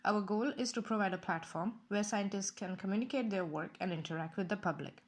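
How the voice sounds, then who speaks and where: A woman reads the series introduction from a script. Her delivery is clear and measured, and her pitch sits mid-range for a woman. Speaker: series presenter.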